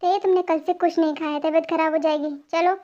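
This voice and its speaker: A woman's voice: extremely high pitch, fairly even intonation, brisk, mellow. A woman voicing a stern, strict father in an amateur fan dub, firm and commanding. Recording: dull lo-fi home recording.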